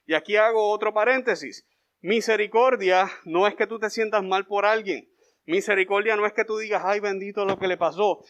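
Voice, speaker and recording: A man's voice: high-pitched, fairly bright tone. A man preaching a sermon in a conversational way, acting out the voices of the people he quotes. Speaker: pastor.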